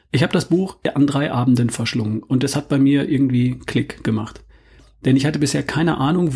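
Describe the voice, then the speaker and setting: Husky, gravelly-voiced man hosting a podcast. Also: medium pitch. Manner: calm, measured explanatory delivery. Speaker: podcast host. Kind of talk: scripted podcast monologue.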